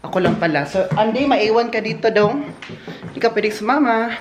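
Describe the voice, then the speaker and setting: Filming on a handheld phone inside the hotel where he works, a Filipino man talks at normal speed in a high, expressive voice over a noisy background with roomy echo. His vlog is chatty and full of gossip, and he giggles and laughs often.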